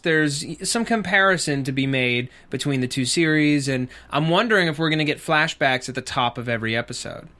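A young man hosting a casual TV recap chat, animated and jokey, sometimes slipping into goofy sing-song bits. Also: medium pitch. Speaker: host.

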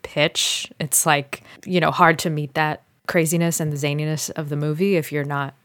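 A woman's voice: low-pitched, little pitch movement, moderate pace, a bit bright, dry recording. A woman co-hosting a podcast, chatting about films in a playful, teasing way and laughing often. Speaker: podcast co-host. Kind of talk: casual chat about films.

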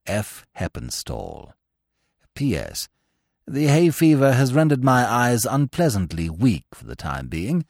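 Male reader voices a courteous elderly clergyman, slow and stately. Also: fairly low pitch, gravelly, a little mellow, dry recording, studio quality, pitched below the performer's own voice, full character voice. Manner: slow, stately, dictated letter.

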